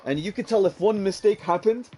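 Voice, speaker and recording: A young man with a high-pitched, dark-toned voice talks a little fast as he casually tells a long story about an online game. He rambles with fillers like "what's it called" and keeps calling the listener "bro."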